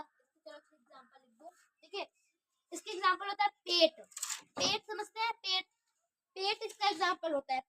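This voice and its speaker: High bright-voiced woman teaching. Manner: asks questions and answers them herself, with frequent checks for understanding; repetitive, restarts words while explaining. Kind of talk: online Hindi grammar lesson.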